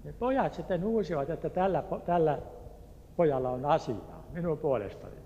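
A man's voice: fairly high pitch, lively intonation, mellow, in a large hall, muffled recording. An older man from Turku, Finland, telling a personal faith story in an earnest way, with hesitations. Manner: earnest, with hesitations and acted quotes. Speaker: speaker giving a faith testimony.

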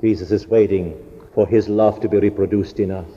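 A man's voice: lowish voice, steady tone. Dramatic male preacher in a hall. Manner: dramatic storytelling, voices the characters, swells loud then drops soft. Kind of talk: sermon with interpreter. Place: church hall. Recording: muffled sound in a reverberant hall.

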